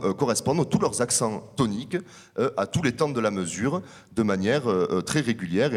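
A man giving an academic conference talk. He presents research findings in a measured, explanatory way. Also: medium pitch, slightly rough. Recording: long hall reverb.

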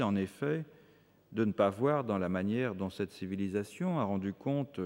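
In a lecture hall, a man delivers a formal academic talk to an audience, reading long, measured sentences with the odd hesitant filler. His voice is fairly low with a darkish tone.

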